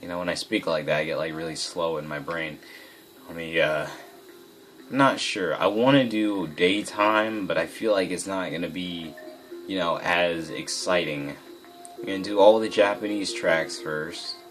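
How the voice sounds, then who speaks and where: Brief: low-voiced male gamer, loose rambling play-by-play, game music playing underneath. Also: moderate pace, fairly bright tone. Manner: rambling, self-correcting, thinking aloud. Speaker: gaming video host. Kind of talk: casual gameplay commentary.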